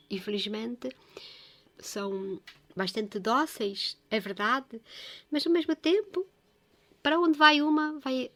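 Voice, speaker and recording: A woman giving a gentle spiritual reflection, speaking haltingly and often dropping into a whisper. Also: medium pitch. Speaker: religious video presenter.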